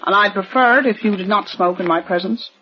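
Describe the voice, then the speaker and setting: A woman voices a tense, proper and insistent wealthy eldest daughter, an heiress in her forties, speaking in clipped, formal 1940s radio style. Her voice is mid-range, a little fast and close to an everyday voice. The dull, lo-fi audio sounds like an old broadcast.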